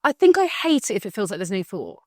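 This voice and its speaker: A young woman co-hosting a podcast, chatting in a bubbly, animated way and laughing often. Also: medium pitch, fast, no room sound, studio quality. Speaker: podcast co-host. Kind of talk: casual chat.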